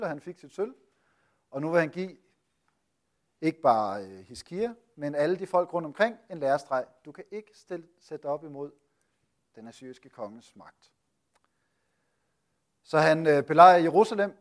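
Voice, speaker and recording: Preacher guy explaining a bible story, bit higher voice, lots of questions and uhs. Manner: rhetorical questions, frequent hesitations. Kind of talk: animated Bible teaching.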